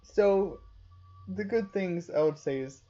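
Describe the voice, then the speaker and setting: Low-voiced, mellow young woman. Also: slow. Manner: relaxed, laid-back, frequent "like". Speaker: film review co-host. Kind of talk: casual review chat. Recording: dull lo-fi sound.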